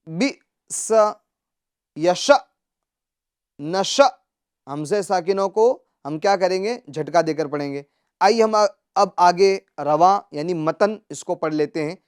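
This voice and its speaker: Smooth-voiced Quran recitation teacher. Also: medium pitch. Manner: slow drawn-out recitation of words, then brisk explanations; asks questions and answers them. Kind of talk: televised Quran reading lesson.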